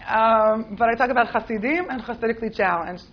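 A woman with an American accent, who grew up in Israel, runs a class for a live group in a playful, talkative style packed with fillers and laughter. Her voice is a little high and a little fast, heard through a muffled recording.

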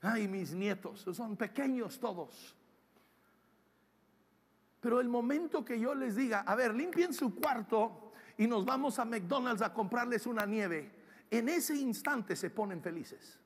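An older man preaching a sermon, impassioned, swinging from shouting to hushed tones. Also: very high-pitched, lively intonation, unhurried. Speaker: pastor. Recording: long hall reverb.

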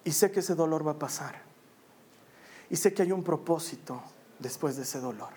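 A man delivers a personal testimony as a sermon. His voice sits notably high for a man. He tells the story earnestly and drags out the phrases that matter most. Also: moderate pace, darkish tone, husky. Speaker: preacher.

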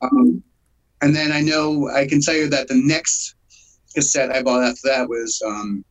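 A man's voice: mid-range voice, expressive, a little slow, poor audio. Chatty man in his forties. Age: 40s. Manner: laid-back, chatty, laughs often, many fillers. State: slightly congested from a cold. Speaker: solo acoustic musician. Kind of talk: casual interview.

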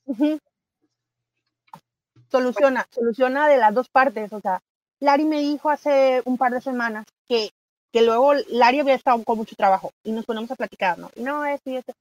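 A middle-aged Mexican woman talks with a high voice in an animated, chatty way. She often stops on fillers and restarts her sentences. The sound is dry and close, with no room echo. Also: fairly quick, muffled recording. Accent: Mexican Spanish. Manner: animated, chatty, many fillers and self-corrections. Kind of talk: casual conversation.

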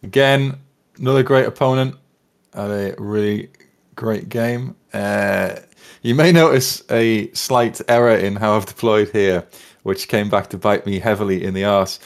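A man's voice: on the low side, measured pace, vocal fry. A man casually recapping a tabletop battle, rambling and self-deprecating as he thinks aloud. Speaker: tabletop wargame player recapping games. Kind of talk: casual chat.

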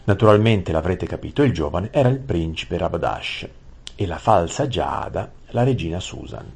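Deep, husky male storyteller. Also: lively intonation, moderate pace, a little mellow. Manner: adds casual explanatory asides. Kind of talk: reading a children's book aloud.

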